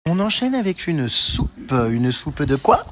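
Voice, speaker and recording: A man vlogging on his travels, chatty and teasing, excitable, filming on a handheld camera. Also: a little high, measured pace. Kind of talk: travel vlog narration.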